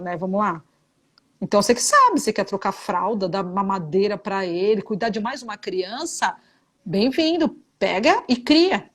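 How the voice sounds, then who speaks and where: A middle-aged woman answers viewers' marriage questions in a live talk, fairly high-pitched and emphatic. She hammers her points home by repeating them, mixing counsel with faith. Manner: emphatic, repeats key phrases, religious framing. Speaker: psychologist giving relationship advice.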